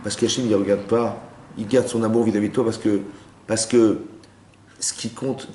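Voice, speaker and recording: Speaking at normal speed with a low, dark voice and fairly even intonation, a rabbi delivers a Torah lesson to a women's class in a lecture room full of listeners. He blends Hebrew terms into his explanation and often asks if they understood, with the roomy recording picking up faint background noise.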